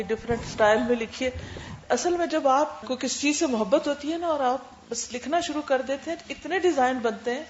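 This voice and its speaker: A woman's voice: fairly high pitch, slight background noise. A woman teacher, answering students in a classroom Q&A and explaining point by point with English words mixed in. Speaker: Quran teacher. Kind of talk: classroom Q&A lecture. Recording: roomy, dull lo-fi classroom recording.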